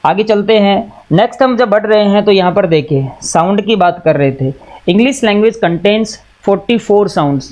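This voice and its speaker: A man's voice: sits high, expressive, a little slow, a little mellow. A male teacher with an Indian accent explaining a lesson, asking questions and answering them himself, mixing Hindi and English. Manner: repeats and recaps patiently. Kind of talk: classroom lesson.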